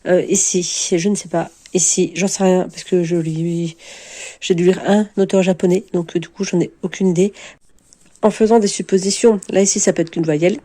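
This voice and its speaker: A woman's voice: on the low side, fairly even intonation, normal speed, dark tone. A woman in her forties from France, chatting casually to camera in a rambling, self-mocking way with many hesitations. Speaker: book vlogger.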